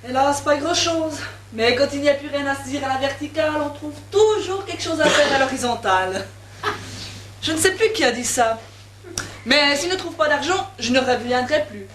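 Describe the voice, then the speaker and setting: A woman's voice: high voice, animated, normal speed, noisy background. A woman playing a brazen, mercenary young woman with a cheeky, cynical manner, in an amateur stage comedy. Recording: echoey stage from far off.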